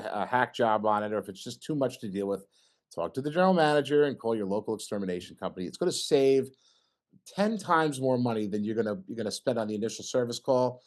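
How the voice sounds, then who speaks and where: At an engineering meeting, a middle-aged man gives an informal technical talk with slides, cracking jokes and quizzing the audience. His voice sits in the mid range with a darkish tone.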